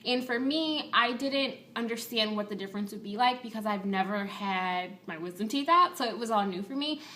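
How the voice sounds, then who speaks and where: A woman's voice: mid-range voice, normal speed, bright, forceful tone, a little hiss or hum. A woman vlogger giving a casual, chatty and candid personal update to her viewers.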